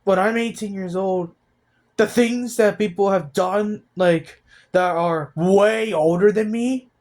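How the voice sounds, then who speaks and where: Young man, eighteen, fairly high voice, personal vlog, halting, downcast, many restarts. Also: darkish tone. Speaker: vlogger.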